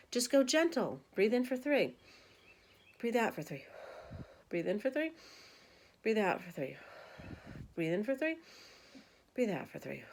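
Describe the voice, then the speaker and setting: Woman, meditation teacher, casual instructional talk, counts breaths aloud, relaxed everyday tone. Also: medium pitch. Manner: chatty, guiding with counts and cues. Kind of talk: casual spoken meditation lesson.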